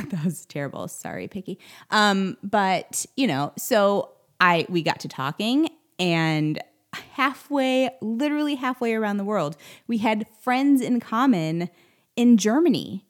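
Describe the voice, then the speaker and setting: A woman's voice: medium pitch, animated, a little slow. A woman in her thirties from the United States, hosting a casual solo podcast in a chatty, rambling way with frequent asides. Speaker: podcast host.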